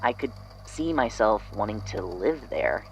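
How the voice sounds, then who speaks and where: A man with a lowish voice and lively intonation speaks at a measured pace over a little hiss or hum in a low-quality recording. As the uneasy, wondering narrator of an audio drama, he recounts an eerie memory of his own, telling it hesitantly and reflectively.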